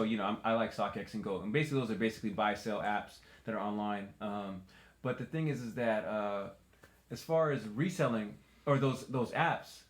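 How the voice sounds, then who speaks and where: Teasing, opinionated male host, mid-pitched voice, recorded in a roomy space. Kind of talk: casual chat. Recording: echoey room.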